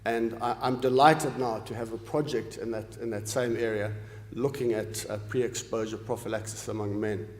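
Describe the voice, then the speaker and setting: A man in his late forties from Zimbabwe delivers a formal lecture in an earnest way, pausing on ums and restarting his phrases. His voice sits at an ordinary middle pitch. The sound is roomy, with a long reverb from a large hall. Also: steady tone, darkish tone. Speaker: professor giving an inaugural lecture.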